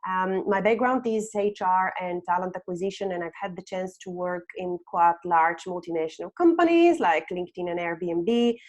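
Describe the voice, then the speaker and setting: With hardly a pause, this woman speaks at a moderate pace in a fairly low voice while presenting slides in a webinar. She's an HR consultant in her thirties, originally from Bulgaria, and keeps tagging sentences with "okay?" and filling gaps with "um".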